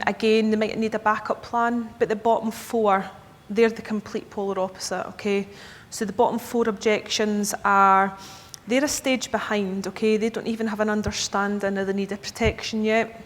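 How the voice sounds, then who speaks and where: In an echoey conference hall with a faint rumble, a Scottish key account manager in her thirties gives a presentation to advisers. She keeps it chatty, checking in with the audience by asking "okay?".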